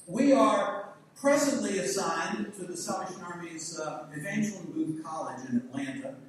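A high-pitched man in his sixties with a Southern US accent preaches at normal speed, his intonation lively as he jokes and rambles in a folksy way. The echoey church hall mic sits far away, and there's a little hiss or hum.

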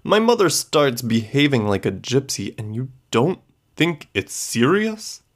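A man's voice: medium pitch, very animated, a little slow, pitched above the performer's own voice. A man reading a story, voicing an indignant, sarcastic grown son. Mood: incredulous.

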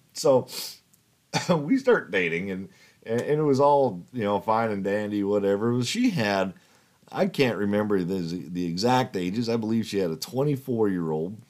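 A podcast host in his fifties rambles through personal stories in a casual monologue, swearing and laughing along the way. His voice is lowish, animated and unhurried.

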